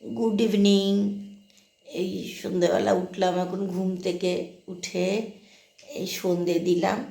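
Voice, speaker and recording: Hoarse homely woman vlogging from home. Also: mid-range voice, little pitch movement, slow, mellow, reverberant. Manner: chatty, homely, addressing viewers as friends. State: hoarse from a cold. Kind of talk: casual home vlog. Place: home kitchen.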